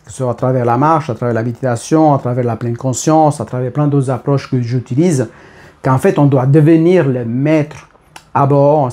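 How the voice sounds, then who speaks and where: A man's voice: mid-range voice, warm tone. A man in his thirties talking casually and spontaneously to camera, rambling with many fillers and restarts. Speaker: vlogger.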